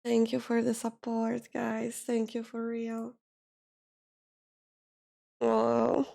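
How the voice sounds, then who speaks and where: Woman streamer, high and gravelly, slow, tired and teary, casual chat. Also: monotone, dark tone. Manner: emotional, thanking viewers, near tears.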